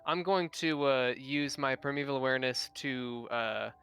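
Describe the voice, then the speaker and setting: A male tabletop player with a bright, very clear voice. He chats casually in and out of character, with music underneath. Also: medium pitch, normal speed. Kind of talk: casual in-character role-play and table talk.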